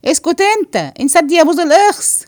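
Lady putting on a bossy egyptian girl yelling at everyone, high and all over the place, dry sound. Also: animated, fast talker, no room sound. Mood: defiant. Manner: shouting, scolding, sharp-tongued. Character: brash, defiant young woman, loud and scolding.

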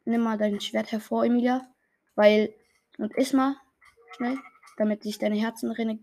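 A woman's voice: a little high, warm tone. A young woman in casual gameplay chat, talking another player through a game in a reassuring, slangy way. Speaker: player coaching another gamer.

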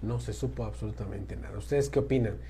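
A man's voice: fairly low pitch, fast, warm tone, slight background noise. A man hosting a podcast, casually retelling a story for listeners. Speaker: podcast host.

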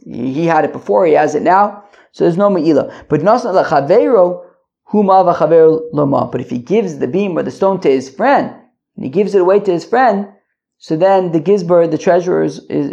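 Creaky-voiced man teaching. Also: fairly high pitch, mellow. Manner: halting, thinking aloud, repeats phrases. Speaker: Talmud teacher. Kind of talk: informal lesson, reading aloud and explaining line by line. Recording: dull lo-fi recording.

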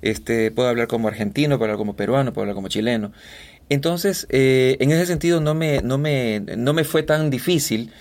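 Animated male voice-over artist chatting. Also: medium pitch, brisk. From Ecuador, Guayaquil. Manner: animated storyteller, slips into imitated voices. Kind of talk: casual interview chat.

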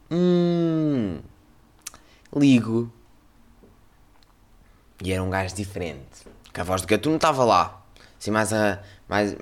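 A young man with a European Portuguese accent tells a story on a casual podcast, his voice sitting on the low side. He acts out the other people in the story, jumping into sudden loud bursts. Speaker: podcast host.

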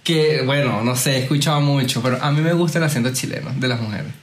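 A man's voice: medium pitch, quick pace. Joking Venezuelan man in an echoey room. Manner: slangy, jokey, acts out accents. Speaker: podcast host. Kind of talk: casual chat.

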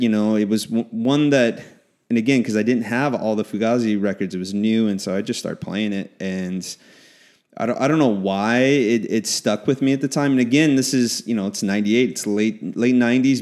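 A man's voice: on the low side, a little mellow. A man in his forties, a podcast co-host, reminiscing in casual chat with many restarts. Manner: reflective, rambling with restarts.

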